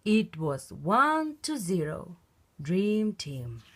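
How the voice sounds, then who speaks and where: A woman reads a children's picture book aloud very slowly in a mid-range voice. Her storytelling is expressive and emphatic.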